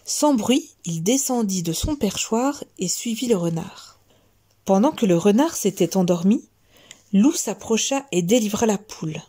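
A woman reading a children's story aloud, gentle and expressive. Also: medium pitch, a little slow, husky.

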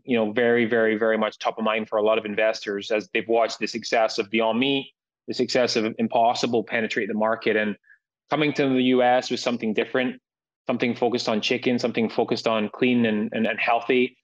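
This early-thirties Scottish man, a company founder, talks steadily as a video-call interview guest, working through a list of points in a measured tone. He's in an indoor room at home, and his mid-range voice is recorded with a muffled quality.

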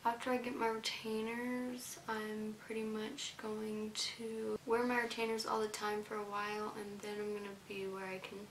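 A woman's voice: mid-range voice, monotone, moderate pace, hardly any pauses. A young woman talking informally as a beauty vlogger in a casual chit-chat makeup tutorial, often trailing off. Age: young adult. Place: indoor room, plain wall. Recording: roomy echo, faint hiss.

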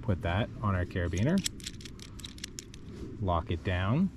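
A man with a very low, highly animated voice speaks a little slowly, his lo-fi recording full of background noise. Working the ropes on a rocky riverbank, he plainly and methodically walks through kayak rescue rigging step by step. The demo is captured by a camera worn on his body.

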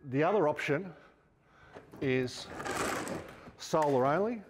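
This Australian man in his fifties presents for an outdoor gear store, chatting as he works with the gear in a large indoor showroom. His voice is on the high side and expressive, his pace slow, heard with big-room sound over a noisy background.

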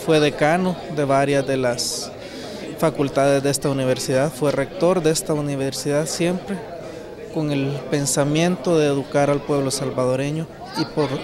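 A man in his thirties speaks earnestly in a slightly high voice, stacking his points with repetition. A crowd murmurs in the indoor hall behind him. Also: steady tone, moderate pace. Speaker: interviewee.

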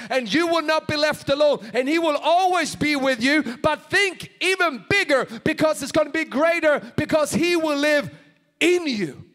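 On a big church stage, a man from Sweden in his forties delivers a sermon through a handheld microphone, dramatizing prayers and quotations with mounting intensity. He has a very high, fairly bright voice.

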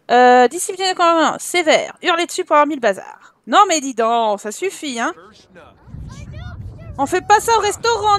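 High-voiced French woman scolding her sims. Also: fairly bright tone. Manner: scolding her game characters, exasperated and teasing. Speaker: gameplay commentator. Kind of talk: casual let's-play commentary.

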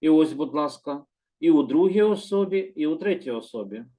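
Gentle, patient male language teacher. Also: a little high, lively intonation. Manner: gentle, patient, repeats words slowly and corrects himself. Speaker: Hebrew teacher. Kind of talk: calm slow explanatory lesson.

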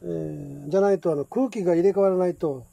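A man's voice: sits high, vocal fry, dark tone, no room sound. An older man with a Kumamoto accent, chatting casually in a how-to video and using many fillers. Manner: slow, chatty, with many fillers and pleased exclamations. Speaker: home cook vlogger.

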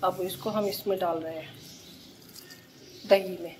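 A woman with a cold and a hoarse voice, casually explaining a home recipe step by step as a cooking vlogger. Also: fairly low pitch, steady tone, a little slow, a little hiss or hum. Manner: plain, homely instructional tone.

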